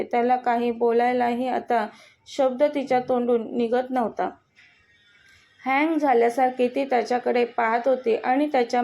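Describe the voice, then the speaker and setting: A woman's voice: a little high, gravelly, mellow. A woman with a Marathi accent reading a romantic story aloud, voicing all the characters' lines in her own voice. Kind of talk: scripted story narration.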